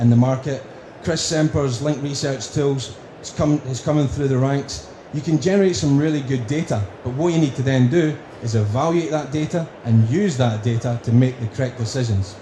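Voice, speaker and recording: Male conference speaker, broad Scottish, relaxed mellow voice, roomy recording with faint background noise. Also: medium pitch. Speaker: conference speaker, company director. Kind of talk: prepared conference presentation. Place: indoor conference room.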